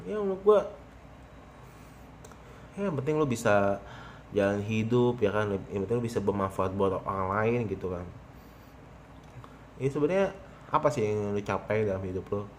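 A man's voice: lowish voice, animated, normal speed, long pauses, slight background noise. Young man rambling casually. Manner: rambling, slangy, thinks aloud with fillers. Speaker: podcast host. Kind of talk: casual podcast chat.

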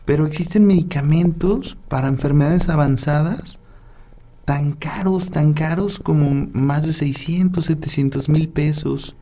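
A man's voice: fairly high pitch, a little slow, dark tone. A man, a urologist guest, explaining medical matters patiently. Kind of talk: explanatory conversation.

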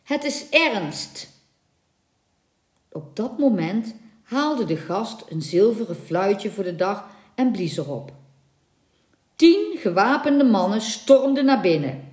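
A woman narrating a historical folk tale in a steady, expressive audiobook reading. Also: medium pitch, slow pace. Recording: echoey room.

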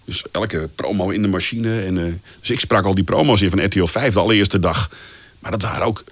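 A man in his fifties from the Netherlands with a strikingly low voice spins stories of his voice-over career. He rambles cheerfully with many fillers and briefly acts out what others said. The sound is dry, with no room around it. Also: fairly quick, dry recording. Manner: animated anecdotes with many fillers, acts out quoted lines. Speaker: voice-over artist, podcast guest. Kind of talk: casual storytelling interview.

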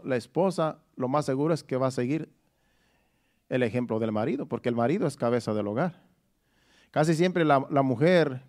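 A man's voice: mid-range voice, a little mellow. A middle-aged man preaching a sermon in an earnest, personal way, often restarting his phrases. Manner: earnest, testimonial, with frequent restarts.

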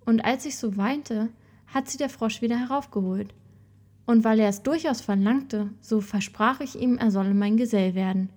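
A woman's voice: a little high, moderate pace, a little mellow, natural voice. A woman playing a whiny young princess. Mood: fretful. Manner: whiny, pleading. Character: young spoiled princess, fretful. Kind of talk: fairy-tale reading.

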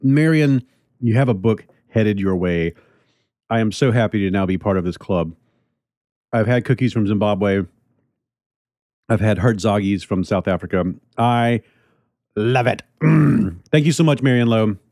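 A man's voice: lowish voice, unhurried, pauses often, a little mellow, dry recording, studio quality. A man hosting a podcast, tasting a treat and chatting with enthusiasm, now and then talking with food in his mouth. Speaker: podcast host. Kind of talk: casual tasting segment and outro.

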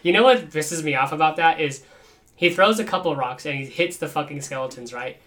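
A man chats on a casual podcast with a bright, slightly high voice. He swears freely and jokes as he talks, animated and loose. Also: a little fast. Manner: profane, animated, joking. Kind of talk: casual chat.

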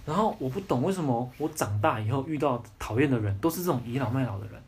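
A man's voice: mid-range voice, lively intonation, quick pace, a little mellow, a little hiss or hum. A young man with a Taiwanese Mandarin accent hosting a casual livestream podcast, ranting bluntly and swearing freely. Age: young adult. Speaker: podcast host.

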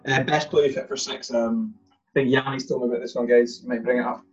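A man hosts a casual podcast and throws relaxed quick-fire questions at his guests. His voice sits in the middle range and sounds a little dull and muffled. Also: medium pitch. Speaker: podcast host.

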